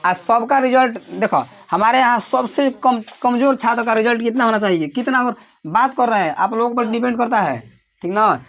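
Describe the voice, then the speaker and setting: A man with a Bihari Hindi accent teaching a class, calling out questions for the students to answer together and sometimes raising his voice almost to a shout. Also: extremely high pitch, moderate pace. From Bihar, India. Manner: raises his voice to a near shout at times. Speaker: coaching teacher.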